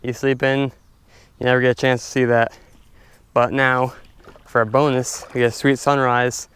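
A young man casually narrating his fishing from a stand-up paddleboard on a lake, chatty and excitable, talking to his viewers. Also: medium pitch, normal speed, smooth. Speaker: fishing vlogger. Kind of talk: casual outdoor commentary. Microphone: head-mounted action camera.

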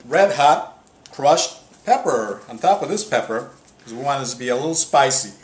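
A man's voice: medium pitch, lively intonation, moderate pace. A middle-aged man hosting a casual home cooking show, chatting upbeat as he works at the stove. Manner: chatty, upbeat, talks while working at the stove. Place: home kitchen, indoors. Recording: echoey kitchen with loud sizzling.

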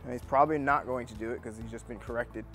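A man's voice: mid-range voice, steady tone, fast talker, fairly bright tone, soft background music. A man working as a dog trainer, teaching a hands-on training lesson indoors and coaching with upbeat praise.

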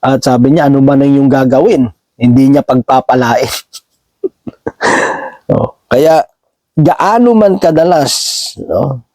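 A man preaching in a casual, conversational way, often ending his phrases with a questioning "no?" and reading verses slowly. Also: medium pitch, mellow, dry recording, rough recording. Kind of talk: Bible teaching, casual sermon.

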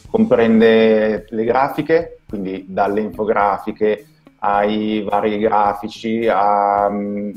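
A man with an Italian accent, a guest designer, explaining things in a halting way that repeats words over a video call. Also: on the low side, darkish tone. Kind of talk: casual video call interview.

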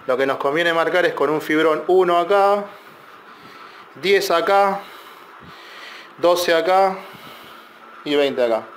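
A man's voice: fairly high pitch, a bit bright, slight background noise. A man, a repair technician talking through a circuit board in a loose, explanatory way with many fillers and restarts. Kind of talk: casual technical tutorial.

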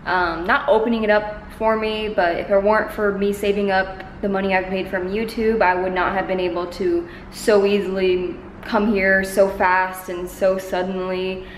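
Holding the camera out at arm's length, a twentysomething vlogger chats informally in her medium-sized living room. Her medium-pitched voice stays level and moves at normal speed with few pauses, and the echoey bare room adds a little hiss or hum.

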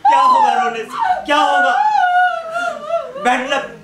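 A man's voice: extremely high pitch, huge pitch swings, slow pace, exaggerated voice. A man playing a miserly, scheming village father in a live stage play, scolding theatrically. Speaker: stage actor. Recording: echoey stage with loud noise.

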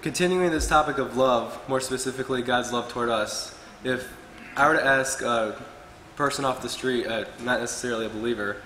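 A young man preaches earnestly from his notes at a pulpit. His voice is bright and forceful. The sound carries a long reverb from a large, echoey church hall. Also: mid-range voice, brisk, few pauses, slight background noise. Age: young adult. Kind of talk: sermon. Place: church hall with wood-paneled walls.

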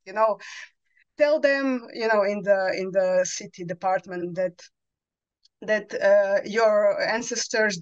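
A woman's voice: mid-range voice, no echo, highs cut off. A woman in her forties with a Croatian accent, a podcast guest speaking English as a second language, often searching for words, talking over a headset on a video call from home. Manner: searching for words, many fillers. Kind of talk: conversational interview. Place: home room, indoors.

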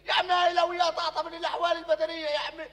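Squeaky high jordanian kid-like drifter, blustery, rattles it off fast, echoey stage. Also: male voice, flat delivery. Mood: indignant. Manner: loud, blustering, quick to flare up. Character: naive excitable young man, homeless drifter. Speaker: comic actor. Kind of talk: televised stage comedy. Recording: reverberant stage hall, live audience.

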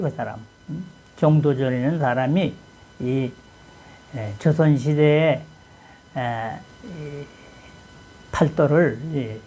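A man's voice: a little high, warm tone, breathy edge, low-quality recording. A man from Chungcheong, Korea, hosting his own channel and talking casually about an old text, with a folksy manner and many rhetorical questions. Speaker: channel host. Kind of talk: casual talk on classic texts.

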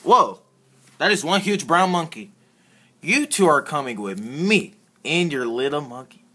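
A man with a husky voice play-acts cartoon-style characters in a halting, excitable way, stumbling and repeating words. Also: a little high. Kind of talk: improvised character play-acting for a fan video.

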